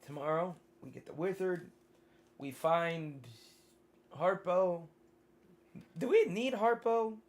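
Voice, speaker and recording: A man in a tabletop game, playing his character in a brash, excitable way. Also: sits high, takes it slowly, long pauses. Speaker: player.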